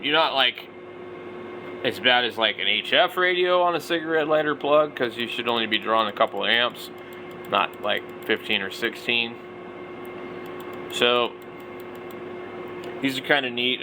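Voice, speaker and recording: Thinking aloud in a rambling way, a man in his forties, a vlogger into radio, offers off-the-cuff remarks about a product. He has a medium-pitched voice, and there's noise in the background.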